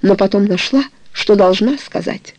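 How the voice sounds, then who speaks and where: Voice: mid-range voice, moderate pace, darkish tone, lightly acted. A reader voicing a young woman who pleads with her lover and confesses her past in a trembling voice. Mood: pleading. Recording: dull lo-fi recording.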